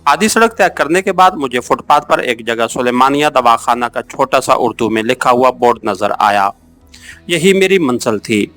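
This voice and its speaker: A man narrating a first-person adventure novel as an audiobook, in a steady, measured storytelling manner. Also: medium pitch.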